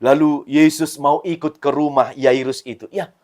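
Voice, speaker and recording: A man's voice: fairly high pitch, flat delivery, moderate pace, a little mellow. A man preaching a Sunday school sermon to children, retelling a story with repeated phrases and asking the children questions. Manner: asks children rhetorical questions.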